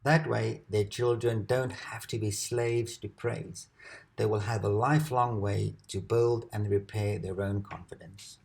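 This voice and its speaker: A man with a lowish voice reads an educational presentation in a steady, measured way. His delivery is calm and scripted, like a narrated lesson. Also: vocal fry.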